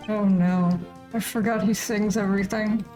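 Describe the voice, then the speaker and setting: A woman streams a story game live, talking casually and teasing the characters. Her voice sits mid-pitch and plain, and faint game music plays behind her. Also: fairly even intonation, moderate pace, mellow. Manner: casual and joking, swears, reads lines half-voiced. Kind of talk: live game playthrough commentary, reading dialogue aloud.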